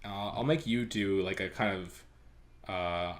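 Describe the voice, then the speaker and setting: A man's voice: low-pitched, a little slow. A man running a tabletop role-playing game, talking casually with lots of ums and uhs. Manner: relaxed, hesitant, lots of fillers. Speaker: game master.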